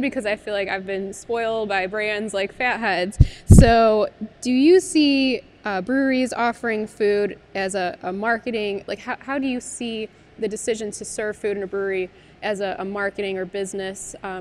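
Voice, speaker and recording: A woman's voice: mid-range voice, normal speed, a little hiss or hum. A woman in her thirties interviewing a brewery guest in a barrel room, asking chatty questions with fillers. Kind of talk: business interview.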